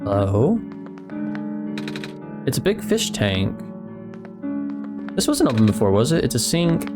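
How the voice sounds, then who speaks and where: Gamer, casual commentary, animated pitch, emotional, rambling, game music behind. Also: a little slow. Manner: emotional, talks to the game characters; chatty and rambling. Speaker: let's play gamer.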